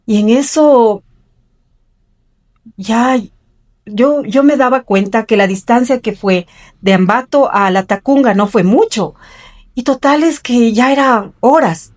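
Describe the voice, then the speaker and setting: During an interview, a middle-aged Ecuadorian woman earnestly tells her own life story, acting out the voices of the people in it. She speaks in a fairly high pitch, slowly, with long pauses, in a personal storytelling style.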